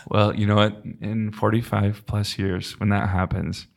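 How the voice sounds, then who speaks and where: A man's voice: fairly low pitch, flat delivery, measured pace, creaky. A young adult man hosting an interview, talking in an earnest, conversational way with false starts. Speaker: podcast host. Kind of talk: casual interview talk.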